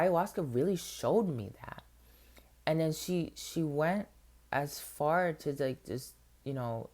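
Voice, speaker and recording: A man speaks openly and earnestly about his inner journey, his talk loose and conversational and full of filler words. He is a spiritual healer giving a sincere personal testimony. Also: a little high. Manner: candid and open.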